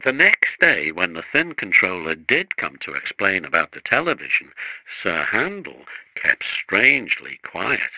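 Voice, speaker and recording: Slow, expressive male storybook narrator. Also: deep voice, no room sound, rough recording. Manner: measured, expressive reading.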